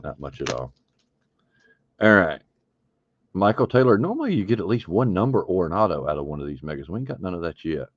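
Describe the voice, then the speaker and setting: Deep-voiced man chatting during a card break. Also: sing-song, a little fast, pauses often, lo-fi sound. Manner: chatty, thinks aloud while opening card packs. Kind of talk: casual live stream chat.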